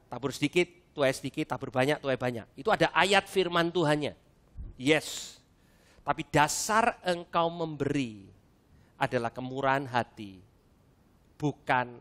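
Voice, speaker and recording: A middle-aged man, preaching a lively sermon at a church service and acting out the dialogue in his stories. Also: a little high. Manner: animated storytelling with acted-out dialogue. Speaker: pastor.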